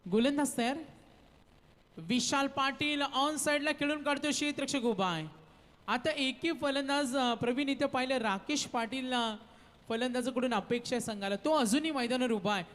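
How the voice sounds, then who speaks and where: A male cricket commentator with a high voice. He calls the play and the score through a long reverb. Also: normal speed, a bit bright.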